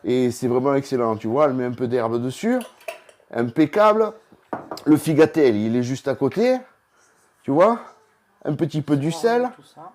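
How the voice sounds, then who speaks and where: A man's voice: mid-range voice, very animated, normal speed, long pauses, a little mellow, a little hiss or hum. A man hosting a casual home cooking vlog, talking chattily straight to the viewer. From southern France. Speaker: cooking video host. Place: home kitchen.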